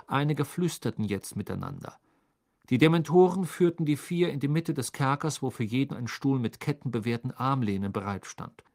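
An audiobook narrator reads a storybook in an even, measured way. The voice sits at a middle pitch and stays steady from one sentence to the next.

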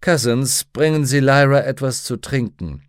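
A man's voice: medium pitch, a little slow, clean tone, no echo, studio quality, voice pushed up, lightly acted. A man playing a genteel old college head. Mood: courteous. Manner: genteel, courteous host. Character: polite, formal elderly male college head. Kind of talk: audiobook reading.

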